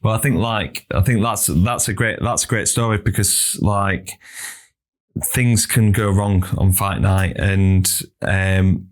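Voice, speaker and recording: A man's voice: sits low, fairly even intonation, slow. A man hosting a podcast as a sports scientist and strength coach, giving reflective advice and repeating words as he thinks. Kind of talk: casual podcast chat. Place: podcast studio.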